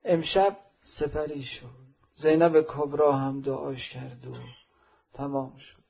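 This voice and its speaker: A man preaching an emotional religious sermon at a mourning ceremony, telling a story and swelling from quiet narration into loud, impassioned calls. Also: a little high, steady tone, creaky, husky. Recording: dull lo-fi recording.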